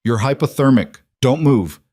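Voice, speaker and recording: A man voicing a steady, protective frontier cowboy who speaks in firm, clipped commands. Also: mid-range voice, normal speed, no room sound, clean studio sound, voice pushed up, natural voice.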